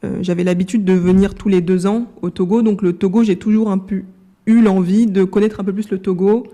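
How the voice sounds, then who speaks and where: Mellow-voiced young woman being interviewed. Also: mid-range voice, steady tone, brisk. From France. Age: 20s. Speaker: interview guest. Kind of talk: conversational interview.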